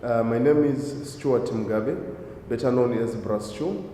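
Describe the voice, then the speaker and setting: A middle-aged Zimbabwean man who owns a driving school is the guest in an interview about his life, answering hesitantly with many fillers and restarts. His voice is mellow and medium-pitched, his pace measured. Faint noise carries through the echoey hall.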